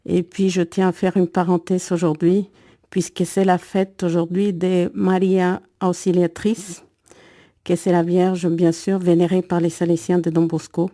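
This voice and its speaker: Woman, middle-aged, low and warm, telling a personal testimony. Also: flat delivery, no echo, clean studio sound. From El Salvador. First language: Spanish. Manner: earnest, reflective, storytelling with pauses. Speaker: guest giving a faith testimony.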